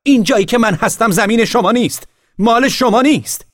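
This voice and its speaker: Man putting on a boastful shouting boy. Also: mid-range voice, huge pitch swings, breathy edge, no room sound, studio quality, voice pushed up, full character voice. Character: boastful defiant boy up a tree.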